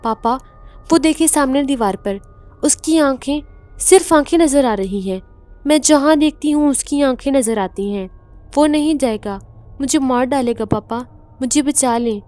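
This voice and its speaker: A woman's voice: sits high, mellow, lightly acted. A woman voicing a terrified young woman begging her parents to save her in a horror story. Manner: panicked, pleading.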